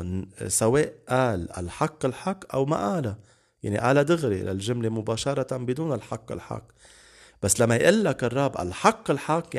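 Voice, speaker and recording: A man's voice: medium pitch, creaky. A man teaching the Bible on a podcast, earnest and repeating key words for emphasis. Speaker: preacher.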